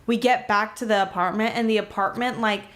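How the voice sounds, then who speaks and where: A woman's voice: medium pitch, steady tone, fairly quick, a bit bright. A young woman from Miami, a podcast co-host, telling a story in casual talk full of "like" and swearing. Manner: rambling, many "like" fillers, swearing.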